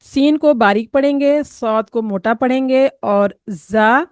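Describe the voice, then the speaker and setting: A woman's voice: fairly high pitch, clear, resonant tone, no room sound, clean studio sound. Woman teaching careful Quran pronunciation. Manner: patient, explains step by step and models sounds slowly; mixes English words into her teaching. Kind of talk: tajweed pronunciation lesson.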